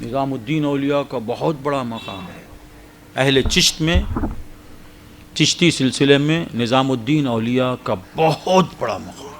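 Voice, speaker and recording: A man who is a Sufi spiritual guide, giving a sermon at a devotional gathering with animated storytelling. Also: medium pitch, a little hiss or hum. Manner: animated storytelling with acted dialogue.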